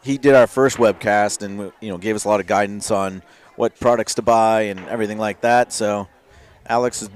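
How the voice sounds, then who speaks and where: Man, live sports commentary, paintball caller, easygoing, halting with fillers. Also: lowish voice, clear, resonant tone. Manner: relaxed, many fillers and restarts.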